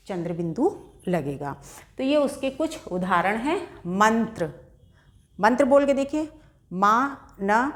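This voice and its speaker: A woman teaching a Hindi grammar lesson to students, patiently addressing them as children and sounding out example words slowly. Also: mid-range voice.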